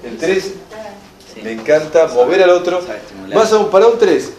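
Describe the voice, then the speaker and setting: Animated Rioplatense man lecturing, echoey room. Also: sits high, unhurried, a crowd in the background. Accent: Rioplatense Spanish. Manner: animated storyteller, acts out shouted quotes. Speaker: enneagram teacher. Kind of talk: lively seminar lecture.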